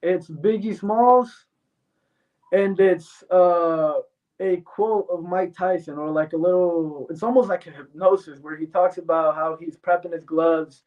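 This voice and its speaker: He's a Mexican-born MMA fighter appearing as a guest, giving blunt, self-assured answers full of fillers. His voice is high and his pace measured, while the recording comes across thin and phone-like from a distance.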